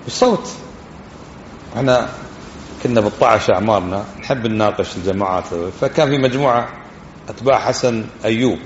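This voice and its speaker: A man giving a religious lesson, talking quickly and conversationally and putting questions to his listeners. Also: mid-range voice, slight background noise. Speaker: religious teacher. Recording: dull, echoey hall.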